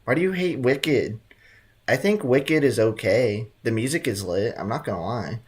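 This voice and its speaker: Over game music, a live streamer with a medium-pitched, expressive voice talks at a moderate pace. He chats casually and jokes with his viewers as he plays, using plenty of slang.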